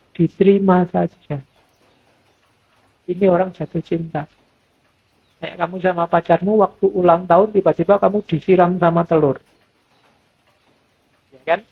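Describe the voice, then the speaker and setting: A middle-aged man delivers a mosque study lecture in a relaxed, conversational way, his voice gravelly and husky. He sits a little high in pitch. The sound is thin and phone-like. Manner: relaxed conversational preaching, acts out quoted voices. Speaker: lecturer on philosophy and Sufism.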